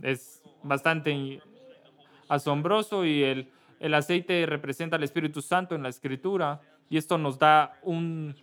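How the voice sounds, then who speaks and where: A man from Kentucky, a pastor giving casual church announcements, halting and correcting himself often. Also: a little high, steady tone, a bit bright, clear, resonant tone. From Kentucky, USA. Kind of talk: church announcements before a service.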